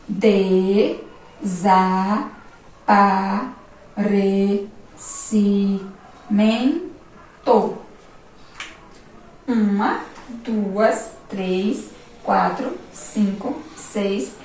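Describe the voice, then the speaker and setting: Woman teacher, Brazilian Portuguese accent, slow and fairly high, very echoey room, set back from the mic. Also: a little mellow, a little hiss or hum. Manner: slow, syllable-by-syllable teacher talk with diminutives. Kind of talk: remote lesson for young children. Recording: echoey distant room mic, faint ambience.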